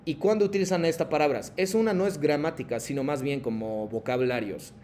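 A man's voice: a little high, a little fast, a little mellow, slight background noise. A man teaching a class online and calling on students by name, patient in manner. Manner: patient, calls on students by name, mixes Japanese prompts into Spanish explanations. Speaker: Japanese language teacher.

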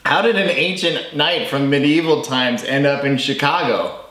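A man's voice: medium pitch, moderate pace, a bit bright. A tipsy man in his thirties co-hosting a comedic movie review, posing questions. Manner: tipsy from drinking during the review. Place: small indoor bar-style set with brick wall. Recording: echoey room, clearly noisy background.

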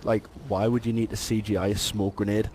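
A man's voice: lowish voice, level tone, fairly quick, darkish tone, a little hiss or hum. A man chatting casually and crudely with friends during an online game. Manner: crude, joking banter. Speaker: gaming friend. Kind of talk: casual gaming chat. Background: game music.

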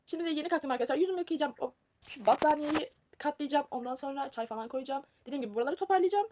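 A woman's voice: sits high, very fast, noisy background. A young woman, rambling and teasing herself as she films a casual packing vlog. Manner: chatty, rambling, self-mocking. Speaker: vlogger.

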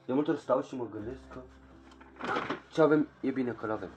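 A man's voice: medium pitch, muffled recording, music in the background. A young man, chatting casually in a home vlog while scolding his child. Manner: chatty, rambling, scolding a child between remarks. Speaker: vlogger. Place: small bedroom at home.

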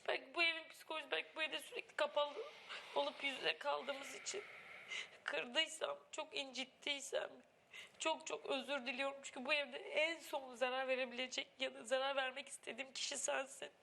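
A woman's voice: high-pitched, fairly even intonation, brisk, vocal fry, sharp tone, slight background noise. A young woman in a reality show house, tearful and pleading as she pours out her feelings. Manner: tearful, pleading, breaks into crying laughs. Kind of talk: emotional heart-to-heart. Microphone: wireless body mic.

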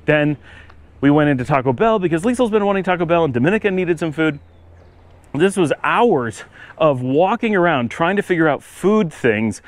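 A travel vlogger walks along residential city streets outdoors, narrating a casual tour as he rambles and thinks aloud. His voice is a little high and animated, at a moderate pace, with no echo.

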